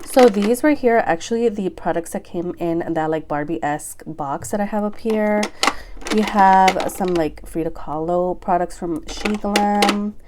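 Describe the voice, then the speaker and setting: A woman's voice: medium pitch, unhurried, background noise. A young woman vlogging about her makeup collection in a casual chat, her voice nasal and congested from a cold. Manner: chatty, upbeat, says "girl" and "go ahead".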